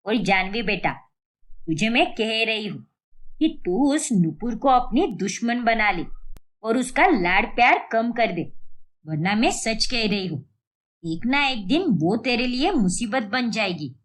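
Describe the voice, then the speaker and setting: A woman's voice: a little high, big pitch swings, a little slow. A woman doing a bossy scolding mother-in-law. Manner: scolding, domineering. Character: scheming bossy middle-aged mother-in-law. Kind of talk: cartoon story voice acting.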